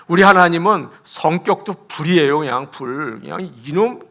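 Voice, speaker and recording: A man, a pastor, preaching an animated sermon in a church, laughing as he talks and acting out quotes. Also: a little high, moderate pace.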